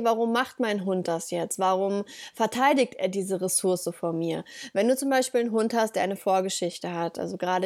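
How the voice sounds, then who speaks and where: A woman hosts a casual dog-training podcast. She talks straight to her listeners, direct and lively, with a voice of ordinary middle pitch for a woman.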